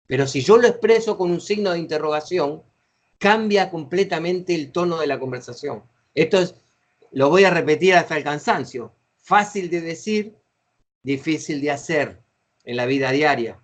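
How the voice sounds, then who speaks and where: A man's voice: fairly high pitch, moderate pace. A middle-aged man with an Argentine accent leads a training session for facilitators, chatty and acting out example phrases as he explains. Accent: Argentine Spanish.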